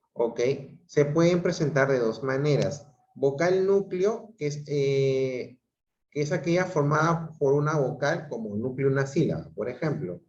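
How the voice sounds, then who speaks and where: Male teacher on a video call, unhurried and repetitive, echoey room. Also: fairly high pitch. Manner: slow, repeats himself, checks with "¿ok?". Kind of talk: online grammar class. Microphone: computer mic on a video call. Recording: roomy, dull lo-fi video call audio.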